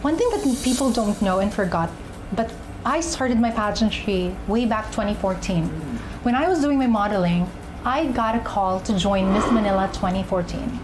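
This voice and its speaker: A young woman, an actress and pageant contestant, candidly recounting her personal journey in an interview, often pausing to find her words. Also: mid-range voice, poor audio. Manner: candid, searching for words with fillers and restarts. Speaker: interviewee, actress and beauty queen. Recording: music bed underneath.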